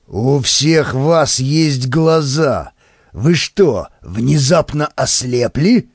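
A man voicing a gruff, bullying male policeman who interrogates a crowd. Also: mid-range voice, expressive, dry recording, studio quality, full character voice. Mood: interrogating. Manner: menacing, slow and commanding.

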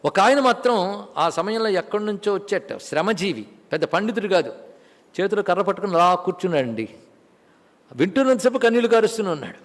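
A man with a Telugu accent giving a religious discourse on scripture, telling stories and chanting verses slowly. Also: sits high, animated, in a large hall. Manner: storytelling, chanting verses in a slow measured tone. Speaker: spiritual lecturer.

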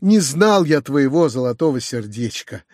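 A man voicing a fat, blunt country landowner who talks in a folksy, rough, confiding way. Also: medium pitch, sing-song, moderate pace, darkish tone, no echo, studio quality, pitched below the performer's own voice, close to an everyday voice. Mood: fawning folksy.

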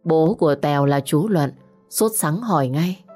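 Low-voiced woman narrating a story. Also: lively intonation, mellow. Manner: slow, measured, dramatic storytelling. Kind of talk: scripted audio story narration. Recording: faint background music.

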